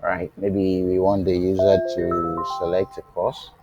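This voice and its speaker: With music in the background, a man with a deep voice and flat delivery teaches web development live online. He frequently throws out a rhetorical "what?" for the class to answer and checks they're with him, moving slowly and deliberately with fillers and restarts. The highs are cut off, and his voice is faint at times remotely.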